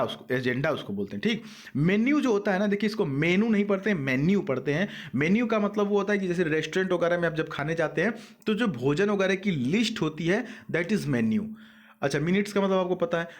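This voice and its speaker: A young adult man teaching a vocabulary lesson online, mixing Hindi with English, repeating key words and asking questions he answers himself. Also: high voice. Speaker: exam coaching teacher.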